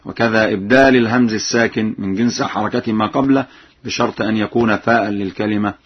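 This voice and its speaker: A man teaching the rules of a Quranic reading tradition in a slow, measured way, pausing to chant the verses melodically as examples. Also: fairly low pitch, slightly rough, dull audio. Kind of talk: lesson on Quranic reading variants with recited examples.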